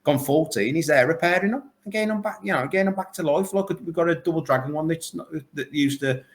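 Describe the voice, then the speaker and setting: Bloke rattling on fast, excited, bit higher voice. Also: male voice. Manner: enthusiastic, rambling, full of superlatives. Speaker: arcade owner, guest. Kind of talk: casual interview chat.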